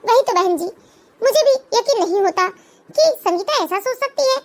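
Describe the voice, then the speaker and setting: A woman's voice: very high voice, lively intonation, normal speed. A woman voicing a scheming middle-aged mother in a cartoon, sweet-talking and falsely kind. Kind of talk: cartoon voice acting.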